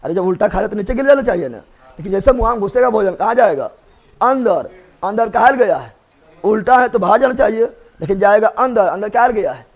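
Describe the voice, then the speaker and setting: A man's voice: high voice, animated, a little fast. A man teaching a biology class, drilling students with repeated questions and playfully scolding them. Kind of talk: classroom lecture.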